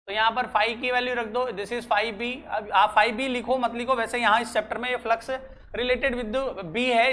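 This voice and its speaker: Brief: physics tutor, mid-pitched, dictating slowly, repeating lines, faint background hiss. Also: fairly bright tone. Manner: dictates slowly, repeats phrases, quizzes students. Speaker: physics teacher. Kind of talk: classroom lecture mixing Hindi and English.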